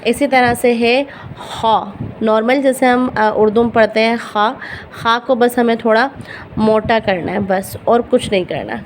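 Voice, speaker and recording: A woman who speaks Urdu as her first language, teaching beginners to pronounce Arabic letters for Quran reading, patiently repeating each sound slowly. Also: fairly high pitch, fairly even intonation, slight background noise, poor audio.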